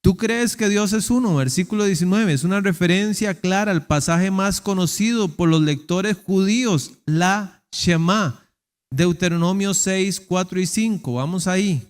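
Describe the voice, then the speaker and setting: A man preaching from the pulpit, his voice pitched a little high and his delivery emphatic, slipping into quoted voices to make a point. The church hall around him rings with a long reverb. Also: a little slow, clean tone. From Costa Rica. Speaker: pastor. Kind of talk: sermon. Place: church sanctuary.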